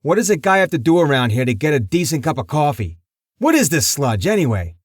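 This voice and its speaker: A man's voice: on the high side, sing-song, a little fast, no echo, clean studio sound, voice pushed up. A man playing a grouchy mob boss in an audiobook, growling and impatient with street slang. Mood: irritated. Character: grouchy middle-aged male mob boss.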